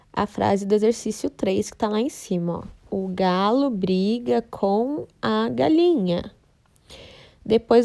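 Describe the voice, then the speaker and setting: A woman's voice: on the high side, gravelly, warm tone. A woman teaching an online lesson for young children, patiently explaining each task step by step. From Brazil.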